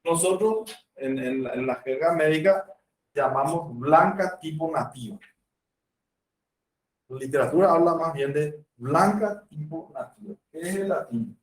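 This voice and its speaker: A man's voice: fairly high pitch, measured pace. Paraguayan man lecturing in a roomy classroom. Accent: Paraguayan Spanish. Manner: explains with examples and acted patient dialogues. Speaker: medical lecturer. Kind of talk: university lecture. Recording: roomy, from far off the mic.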